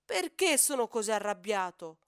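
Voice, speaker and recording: A woman voicing a grumpy, quick-tempered young male hippo calf who shouts in frustration. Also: mid-range voice, very animated, clean tone, no echo, clean studio sound. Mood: exasperated.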